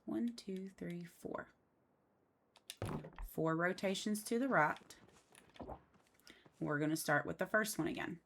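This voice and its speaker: A low-voiced woman talks through a building tutorial in a slow, gravelly voice, counting every step half to herself. Loud mouse and keyboard clicking runs behind her. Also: a little hiss or hum. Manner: counts steps aloud under her breath. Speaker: game building tutorial host. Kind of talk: casual step-by-step voice-over.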